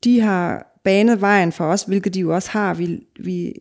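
A woman's voice: medium pitch, fairly even intonation, darkish tone. A middle-aged woman from Denmark, a guest author in a casual podcast conversation, talking reflectively in long winding sentences full of fillers.

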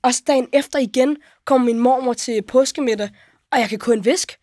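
A teenage girl hosts a casual podcast chat, her voice a touch high and a little hoarse. She laughs easily and talks over her friends, recorded close with a dry, dead studio sound. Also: a little mellow, no echo. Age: teens. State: hoarse, recovering voice. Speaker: stand-in podcast host.

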